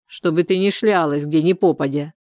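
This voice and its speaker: A woman reading a storybook, voicing a blunt, surly village man in a curt, rough manner. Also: low voice, moderate pace, a little mellow, no room sound, studio quality, lightly acted. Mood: gruff.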